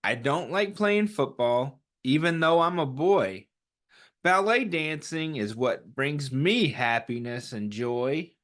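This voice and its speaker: A man reads stories to young children and chats with them encouragingly, often asking questions and then answering them himself. He speaks slowly and in an animated way, with a fairly high, fairly bright voice.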